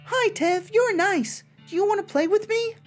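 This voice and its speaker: A woman voicing a demonic girl doll from a video game, childlike, sugary and eerily calm in her cheer. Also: extremely high pitch, moderate pace, soft background music, voice pushed up. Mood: creepily cheerful. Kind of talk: acted reading of video game dialogue.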